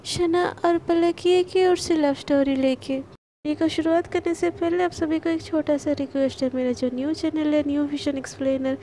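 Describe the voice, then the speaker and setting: A woman's voice: high-pitched, fairly even intonation, normal speed, mellow. A woman storyteller narrating a love story in a chatty way, talking straight to her listeners. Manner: chatty, addresses listeners directly.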